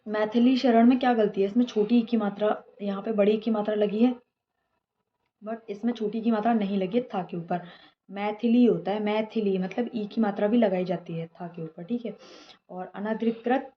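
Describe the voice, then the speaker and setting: A woman's voice: mid-range voice, steady tone, moderate pace, lo-fi sound, a little hiss or hum. A woman teacher giving a spelling lesson, her voice a little down because she is unwell, repeating each correction and checking in often. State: voice slightly down from feeling unwell. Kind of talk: spoken Hindi spelling lesson.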